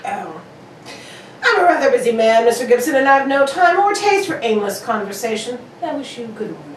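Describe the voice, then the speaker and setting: A woman's voice: a little high, sing-song. Sherlock Holmes played by a woman, roomy and distant. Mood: coolly cutting. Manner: dry, measured, formal, politely cutting. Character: Sherlock Holmes, cool, incisive gentleman detective. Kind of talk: 1940s radio mystery acting. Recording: roomy, distant, faintly noisy stage recording.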